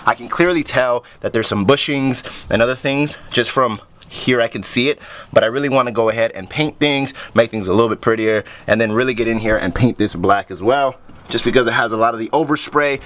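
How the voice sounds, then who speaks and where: A man's voice: lowish voice, noisy background. A man chatting casually as he works on a car in a garage, explaining each step to the camera as he moves around. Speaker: car project vlogger.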